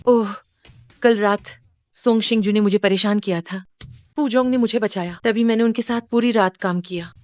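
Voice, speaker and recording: A woman voicing a calm, defiant young employee. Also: mid-range voice, normal speed, no room sound, close to an everyday voice. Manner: calm, firm. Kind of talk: Hindi dubbed drama.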